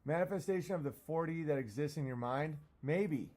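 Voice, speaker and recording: A male streamer with a slightly high-pitched voice. He talks casually to his viewers, stopping and starting as he rambles. His language is profane and often turned against himself. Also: a little fast, darkish tone. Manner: profane, self-deprecating. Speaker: live streamer. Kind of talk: casual livestream rant, answering chat comments.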